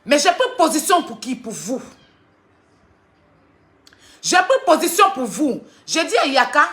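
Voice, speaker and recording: A woman, ranting heatedly and defensively on a livestream, retelling a quarrel in a rapid flow. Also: fairly high pitch, fairly bright tone. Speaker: social media personality. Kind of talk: livestream rant addressing critics.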